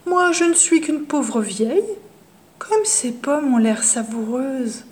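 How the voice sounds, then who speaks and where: A woman's voice: animated, takes it slowly, a little mellow. Woman voicing a sly old storybook witch. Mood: sweet-talking. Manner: wheedling and sly, then shrill and cursing. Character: cunning old female forest witch, sly and spiteful. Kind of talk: storybook character voice.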